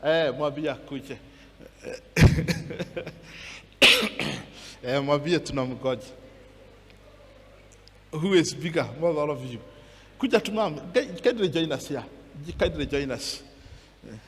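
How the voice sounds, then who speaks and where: A man's voice: fairly high pitch, animated, slow pace, pauses often, slightly rough. A man emceeing a launch event, mixing in Swahili as he calls guests forward. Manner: mixes in Swahili, directs the crowd. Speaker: master of ceremonies. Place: event venue hall. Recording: reverberant hall with PA.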